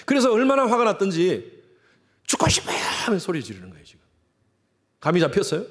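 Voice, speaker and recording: A pastor with a voice pitched a little high preaches a Sunday sermon in a church. He keeps asking the congregation questions and slips into the voices of the people in his examples. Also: quick pace. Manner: lively preaching, acting out quoted voices. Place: church sanctuary.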